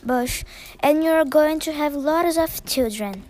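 A woman voicing a hero's gentle mother in a read-aloud storybook. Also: sits high, slow, slight background noise. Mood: motherly.

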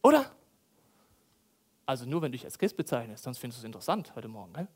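A preacher, giving a lively sermon with loud outbursts, soft asides and provocative questions to the congregation. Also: male voice, medium pitch, fast talker.

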